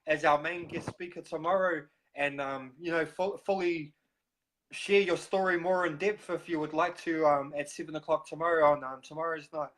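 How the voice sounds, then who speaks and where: A man with a broad New Zealand accent hosting a live stream, talking casually and haltingly with frequent pauses. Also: a little high, fairly even intonation, fairly bright tone, low-quality recording. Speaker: host of a recovery live stream.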